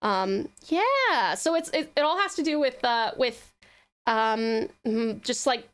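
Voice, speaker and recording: A woman with a slightly high, smooth voice talks slowly and with plenty of animation. She's a virtual streamer hosting a casual livestream, chatting sweetly and effusively with viewers and showering them with endearments.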